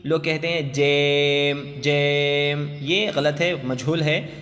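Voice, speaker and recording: A man teaching children Quran letters with tajweed. He chants each letter slowly and drawn out, then explains it quickly. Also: fairly high pitch, fairly bright tone. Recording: long reverb, faint music.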